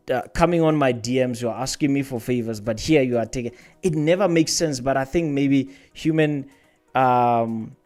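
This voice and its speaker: A man's voice: mid-range voice, darkish tone. A man hosting a trading livestream, talking casually and rambling, often repeating his words while answering viewers' questions. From South Africa.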